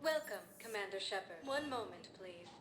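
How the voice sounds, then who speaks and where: A woman voicing a calm, polite automated docking announcer in a video game, speaking in a measured way. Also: mid-range voice, natural voice. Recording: echoey game audio with music behind.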